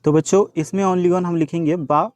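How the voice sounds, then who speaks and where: A man's voice: sits high, fairly even intonation, normal speed, a little mellow, dry recording. A male teacher working through a workbook solution lesson, addressing children, asking questions and answering them himself, dropping English words and numbers into his speech.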